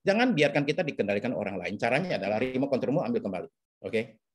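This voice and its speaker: Male counseling teacher, webinar lecture on a video call, lively pitch, keeps checking in with listeners. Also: fast talker, a crowd in the background. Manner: teacherly, checks in with repeated oke and ya.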